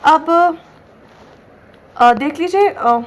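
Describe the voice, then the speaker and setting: A woman with a high voice and lively intonation teaches an online Urdu exam-prep class. She patiently spells out letters and words, repeating them slowly and often checking in with her students by asking "theek hai".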